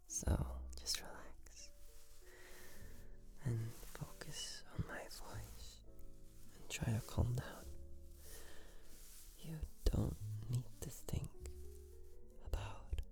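A man in a whispered role-play as a tender, soothing boyfriend, murmuring sweet nothings in a soft, breathy voice. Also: medium pitch.

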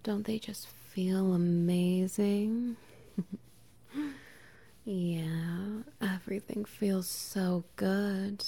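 Slow, husky whispering woman. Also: mid-range voice, steady tone. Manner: soft, teasing, slow whispering with quiet laughs. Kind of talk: whispered intimate audio roleplay.

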